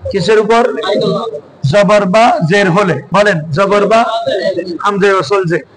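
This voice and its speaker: High-voiced man quizzing his class. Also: steady tone, measured pace, a crowd in the background, poor audio. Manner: quizzing students with repeated questions. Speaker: teacher. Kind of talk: classroom lesson.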